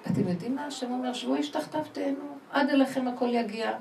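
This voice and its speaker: Woman religious teacher, emphatic and laughing, higher mellow voice, heard from a distance in a roomy space. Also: gravelly. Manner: animated, laughing, emphatic, asks the audience questions. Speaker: spiritual teacher. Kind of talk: religious lecture to a women's group. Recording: roomy sound from far off, faint noise.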